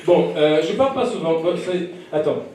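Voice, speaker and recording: A man's voice: fairly high pitch, lively intonation, normal speed, warm tone, slight background noise. A man doing live stand-up, teasing and bantering with diners in a comedy club. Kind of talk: live stand-up crowd work. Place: comedy club during dinner service. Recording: echoey room, distant mic, audience.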